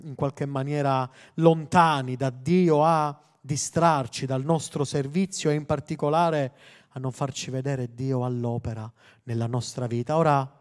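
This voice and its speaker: A man in his thirties, a pastor preaching a sermon into a handheld mic, with fervent delivery that builds to loud emphatic peaks. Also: medium pitch. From Sicily, Italy. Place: church hall. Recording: long hall reverb.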